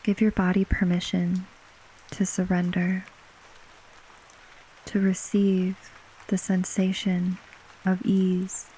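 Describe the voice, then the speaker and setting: Woman, sleep story narration, soothing, slightly low voice, very steady intonation, unhurried phrasing, rain ambience. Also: slight background noise, rough recording. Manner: gentle, unhurried, with long pauses between short phrases. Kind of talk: slow, soothing bedtime relaxation narration. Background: rain falling.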